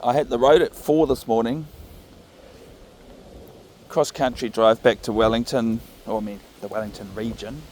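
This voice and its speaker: A vlogger with a New Zealand accent walks his dog along a path outside, filming himself on his phone. His medium-pitched voice drifts along unhurriedly as he thinks aloud and rambles casually, with slight background noise in the recording.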